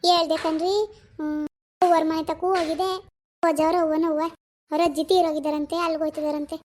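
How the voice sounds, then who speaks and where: A woman's voice: high voice, level tone, brisk, darkish tone, lightly acted. A woman voicing a fretful older village mother in a cartoon, sighing and chattering. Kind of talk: animated cartoon voice acting.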